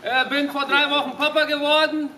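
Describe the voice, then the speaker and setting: High-voiced man in a noisy crowd. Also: flat delivery, brisk. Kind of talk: informal self-introduction. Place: outdoors at a gathering. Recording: distant, noisy crowd outdoor recording.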